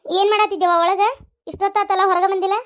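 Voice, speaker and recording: A woman voicing a sharp-tongued elderly mother-in-law in a cartoon story, with a North Karnataka Kannada accent, scolding and mocking. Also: very high voice, level tone. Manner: scolding, mocking, rapid-fire accusations.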